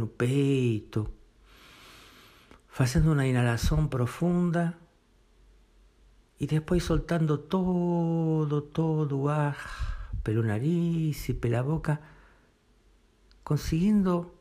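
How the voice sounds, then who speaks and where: Guiding a meditation, this man offers gentle instructions one step at a time, using short phrases with long pauses in between. His voice is a little high.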